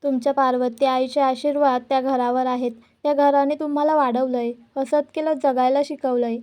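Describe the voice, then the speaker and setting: Firm, earnest young wife, high, steady voice, as a woman reads her part. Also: normal speed, dull audio, lightly acted. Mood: firm pleading. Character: firm, devoted young wife pleading for family.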